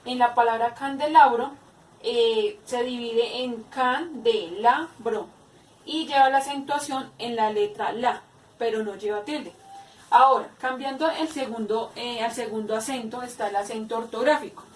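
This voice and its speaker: A woman's voice: a little high, a little hiss or hum. Hesitant woman teaching a grammar lesson. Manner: explains slowly with many hesitations and repeats. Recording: echoey room, far from mic.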